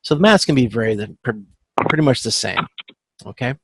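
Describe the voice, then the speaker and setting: Teaching supply chain management over a screen-shared video conference, a gravelly-voiced man gives an informal spreadsheet walkthrough in a halting, self-correcting way, often checking "okay?". His mid-range voice is sing-song and a bit bright, with no room sound.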